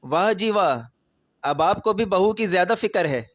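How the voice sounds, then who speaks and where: A man voicing a jealous, sharp-tongued older mother-in-law with a taunting, sarcastic manner. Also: high-pitched, lively intonation, no echo. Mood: angry.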